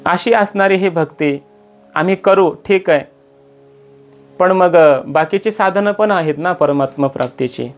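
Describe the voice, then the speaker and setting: Male kirtan preacher, raised pitch, chanted verses, faint music underneath. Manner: slows to chant quoted verses, rises in emphasis. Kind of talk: devotional sermon with chanted verses.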